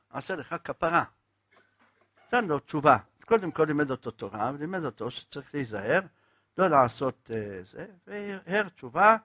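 Bright-voiced man telling a sermon story. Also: on the high side, no room sound. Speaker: preacher. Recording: dull, dry lo-fi recording.

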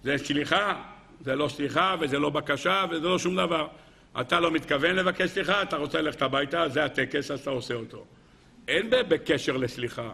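A man's voice: a little high, vocal fry, pushed and bright. A man giving a sermon to a live audience, firing rhetorical questions and acting out little dialogues. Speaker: religious lecturer.

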